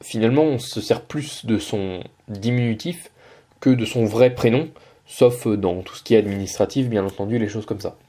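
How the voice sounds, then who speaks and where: A man with a fairly low, dark-toned voice speaks at normal speed. Explaining a video lesson, he teaches Russian in French, patiently going through the video line by line with many hesitations and self-corrections.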